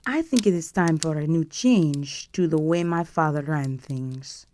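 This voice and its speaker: Voicing a possessive, regal vampire countess in an intimate audio roleplay, a woman speaks in a low, mellow voice without hurrying, over slight background noise. She addresses the listener formally, imperiously, and seductively, sounding commanding and persuasive.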